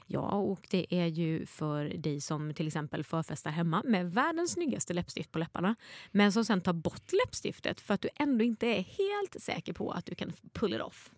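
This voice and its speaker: A woman's voice: on the low side, lively intonation, dry recording, studio quality. A middle-aged woman from Småland, co-hosting a podcast in a casual, informal and wordy chatting style. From Småland, Sweden. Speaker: podcast co-host.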